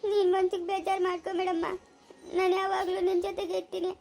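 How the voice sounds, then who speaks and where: A gentle village mother reassures her child in a rural Chikkaballapura accent, voiced by a woman. Her voice is very high and she talks quickly. It is amateur family-drama acting. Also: little pitch movement, soft background music. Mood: consoling. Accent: rural Chikkaballapura Kannada. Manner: soft, consoling, motherly.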